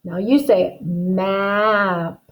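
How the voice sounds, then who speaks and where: Female reading teacher, somewhat high register, slow exaggerated sound-by-sound modeling, instructive delivery. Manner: instructive, checks understanding with short tag questions. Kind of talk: guided phonics lesson.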